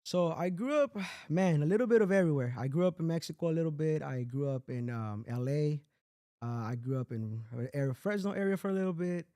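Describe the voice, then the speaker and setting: A man's voice: on the high side, lively intonation, brisk, dark tone. A young man from Inglewood, telling his story in a laid-back, slangy way as an interview guest. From Inglewood, California. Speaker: music artist guest. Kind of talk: casual interview chat.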